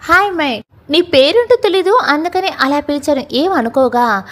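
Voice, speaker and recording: A woman's voice: high voice, lively intonation, moderate pace, a bit bright. A woman reading as a shy young man's love letter. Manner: unsure, hesitant.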